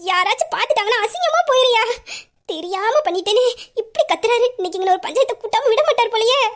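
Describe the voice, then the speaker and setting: Woman doing a shrill, scolding young wife. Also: animated, quick pace. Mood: flustered. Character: young wife, sharp-tongued but caring. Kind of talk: Tamil audio drama dialogue.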